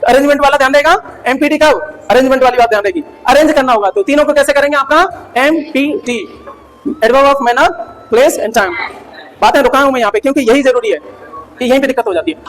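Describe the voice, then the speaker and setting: A male grammar teacher with a very high voice gives an animated classroom lecture, quizzing students with quick questions and jokes. The recording has hall reverb.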